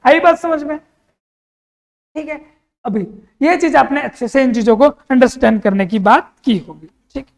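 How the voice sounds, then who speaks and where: A high-voiced man teaches an exam-prep grammar lesson. He keeps asking the class questions and answering them himself. His voice rings out with a long reverb, as if in a hall. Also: measured pace, creaky, pauses often.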